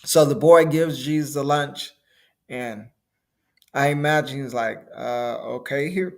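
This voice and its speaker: Chill preacher guy, slow and easygoing, mid-pitch, lots of little asides. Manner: conversational, playful, with frequent asides. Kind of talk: casual sermon.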